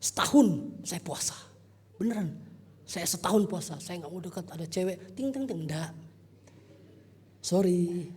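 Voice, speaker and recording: A man preaching a youth service sermon in a church hall, telling personal stories in an animated way and joking with his listeners. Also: high-pitched, unhurried, pauses often, breathy edge.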